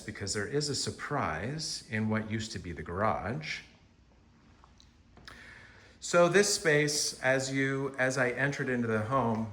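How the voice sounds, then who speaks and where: Touring a house room by room, a man in the role of a real estate agent offers polished, admiring commentary on every feature. His voice is lowish with a fairly bright tone. Faint background noise and echo fill the indoor rooms.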